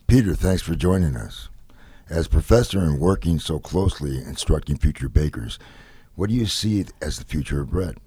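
A man's voice: rumbling low, expressive, normal speed, mellow, husky, no echo. A man co-hosting a podcast in casual chat, making playful, jokey remarks. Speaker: podcast co-host.

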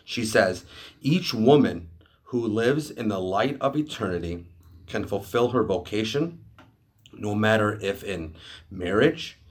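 A man hosting a faith podcast in a studio, chatting conversationally and reading quotes slowly. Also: lowish voice. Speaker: podcast host. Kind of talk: casual podcast chat.

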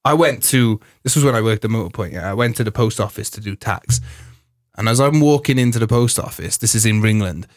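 A young man chatting on a podcast. He tells stories with animated energy, dropping slang and swearing freely. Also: on the low side, brisk. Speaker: podcast co-host. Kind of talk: casual chat.

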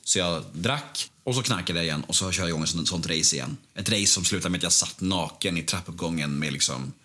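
A man's voice: deep voice, sharp tone. A man guest telling a candid story in casual conversation, bluntly and with plenty of swearing.

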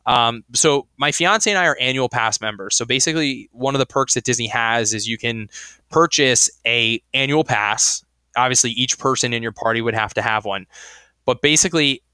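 A man's voice: mid-range voice, pushed and bright, smooth, dry recording. A young man co-hosting a podcast in casual chat, rambling with lots of fillers and restarts. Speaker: podcast co-host.

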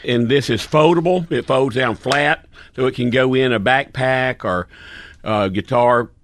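A man's voice: mid-range voice, a little slow, a bit bright, dry recording. A middle-aged man on a casual podcast, a folksy storyteller who laughs easily and explains products plainly. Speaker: company founder and podcast regular.

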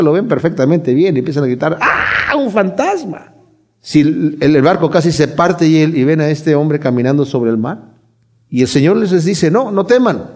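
A man preaching a sermon, animated, swinging between loud and hushed, acting out quoted voices as he retells. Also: a little high. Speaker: pastor.

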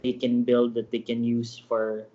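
A man's voice: medium pitch, monotone, a little slow, dark tone. A man answering interview questions over an internet call. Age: 30s. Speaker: guest, education project founder. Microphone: Skype call. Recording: slightly dull internet call audio.

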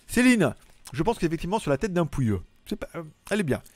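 Man, live-stream host, casual chat, jokey, chuckles often, lively swooping pitch, dry close sound. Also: fast, no echo.

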